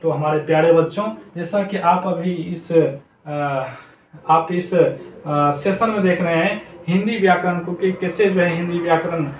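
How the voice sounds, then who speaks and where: A man teaching children in a high voice, saying each term again and again so it sticks. He sounds set back from the mic in a room that rings with echo, and faint noise sits behind him. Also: steady tone, a little slow, recorded from a distance. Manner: repetitive, drills terms aloud. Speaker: Hindi grammar teacher. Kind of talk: classroom lesson to children. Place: noisy room.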